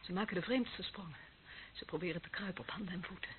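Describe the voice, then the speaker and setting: In a lowish, natural voice delivered fast, a woman performs a radio-drama role: an embittered, solitary young policewoman who used to serve in a death squad. Coldly menacing and taunting, she frequently drops to a whisper, and the old recording is noisy and muffled like a phone line.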